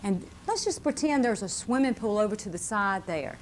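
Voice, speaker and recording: At a live puppet show, a woman with an expressive, mid-range voice teaches children a fire safety lesson at a normal pace, patiently repeating points and checking in with questions. The recording comes from a noisy live room on VHS tape.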